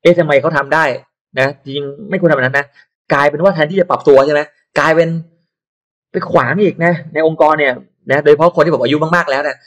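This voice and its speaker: A man giving a casual software tutorial who chats and digresses into advice while working. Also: on the high side. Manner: chatty, digresses into advice and asides.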